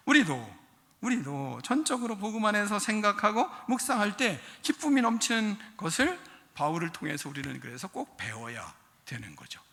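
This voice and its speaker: A male pastor delivering a sermon, talking conversationally to the congregation and then building to shouted exhortations. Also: high voice. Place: church sanctuary. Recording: reverberant church sanctuary.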